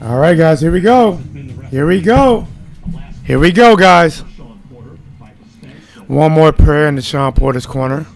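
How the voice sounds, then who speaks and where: A man's voice: fairly high pitch, animated, unhurried, vocal fry, long pauses, soft background music. A man giving informal live play-by-play of a boxing match, chatting to viewers as he goes. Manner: informal, addressing viewers as guys. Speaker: fight watch-along commentator. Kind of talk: casual live play-by-play commentary.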